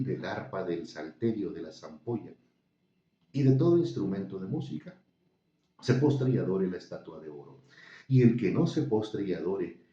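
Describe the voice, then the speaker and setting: A man voicing envious, scheming male courtiers who accuse others before a king in a flattering, accusing tone. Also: deep voice. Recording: dull, roomy, distant recording.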